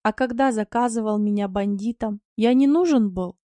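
Brief: sullen bitter tomcat, read by a woman storyteller; slow, dull mutter, dark tone. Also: mid-range voice, no room sound, lightly acted. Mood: gloomy.

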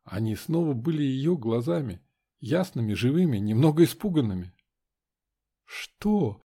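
A man reading a first-person audiobook in a measured, dramatic way. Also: mid-range voice, lively intonation, warm tone, breathy edge. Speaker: audiobook narrator.

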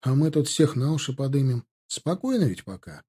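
A man's voice: medium pitch, sing-song, moderate pace, mellow, breathy edge. A man voicing a doubtful male army officer. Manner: skeptical.

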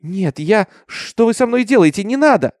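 A man's voice: lively intonation, moderate pace, darkish tone, dry recording, studio quality. Man doing a shrieking accused servant girl. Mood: terrified. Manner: shrill pleading cries. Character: young woman servant accused of witchcraft, desperate.

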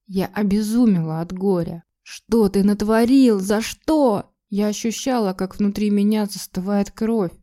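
A woman narrating a dark first-person story as an emotional, tense audiobook reading. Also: medium pitch.

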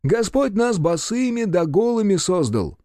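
A man voicing a hot-tempered young nobleman who speaks in a loud, raised and indignant voice. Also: high voice, very animated, unhurried, no echo, clean studio sound, voice pushed up.

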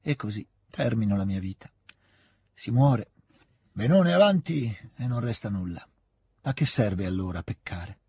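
A man's voice: on the low side, animated, unhurried, darkish tone, breathy edge, no echo, heavily acted. A man voicing a jovial, eccentric old Russian country uncle in a literary radio reading, folksy and fond of a pet phrase. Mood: wistful.

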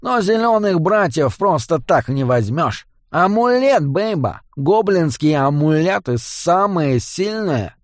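Man doing a goblin, male, nasal, brash, mocking, high-pitched, dry close sound. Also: very animated, slow pace, hardly any pauses, no room sound.

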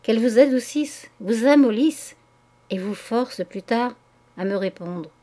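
A woman reading the lines of a passionate young man who pleads his love in hushed, ardent words. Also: fairly high pitch, lively intonation, measured pace. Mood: ardent pleading.

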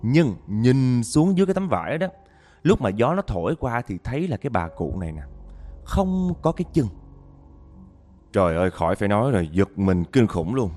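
A man's voice: lowish voice, darkish tone. A man narrating a listener's ghost story, talking straight to his audience with dramatic storytelling.

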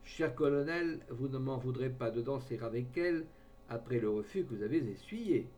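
A man's voice: medium pitch, expressive, normal speed, dark tone, natural voice. A man reading aloud voices a smug young dandy baron who teases with easy self-assurance. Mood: mocking.

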